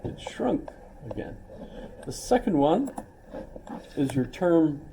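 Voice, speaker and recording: Slow and creaky, this older man's slightly high voice swings widely in pitch and carries a dark tone over faint hiss or hum. He's a philosophy instructor lecturing in a relaxed, meandering way, with side remarks and jokes about himself, heard from a distance in an echoey room.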